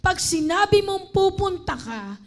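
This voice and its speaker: High-voiced Filipino woman preaching. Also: big pitch swings, measured pace. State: tired, strained voice. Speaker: lay preacher. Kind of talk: sermon. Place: church.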